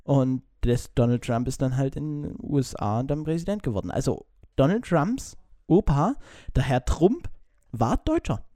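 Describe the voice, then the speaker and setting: Chatty man with a mellow, dry voice. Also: mid-range voice, lively intonation, moderate pace, no room sound. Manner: chatty, jumps between topics, stumbles and restarts. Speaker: podcast co-host reading news. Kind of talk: casual chat.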